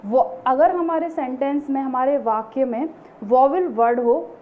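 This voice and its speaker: High-voiced woman teaching, tinny sound. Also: measured pace. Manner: explains patiently, asks the class rhetorical questions. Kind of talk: online grammar lesson. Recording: tinny phone-like recording, faint hiss.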